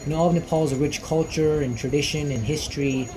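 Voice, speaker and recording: This vlogger from the United States is a young man whose fairly quick, steady voice sits on the high side. Over loud guitar music and background noise, he reflects earnestly in a personal documentary voice-over, leaning heavily on "you know."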